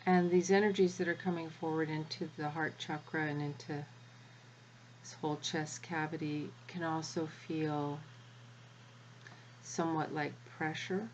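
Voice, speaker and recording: A woman leading a guided spiritual energy activation as the guide, speaking in a measured way with long pauses between short phrases. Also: deep voice, steady tone, dull audio, a little hiss or hum.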